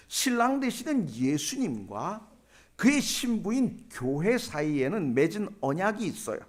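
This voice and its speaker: A man pastor delivering a sermon in a church, often asking the congregation questions and telling stories. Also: sits high. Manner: asks the congregation questions, storytelling.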